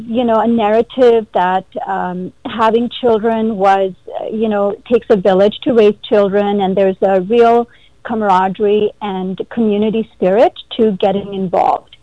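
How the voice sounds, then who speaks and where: A woman who grew up in India, a guest calling in, speaking in an earnest, measured way. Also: mid-range voice, fairly even intonation, dark tone, no room sound. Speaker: guest, executive director. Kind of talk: casual interview over a call. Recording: dull phone-call audio.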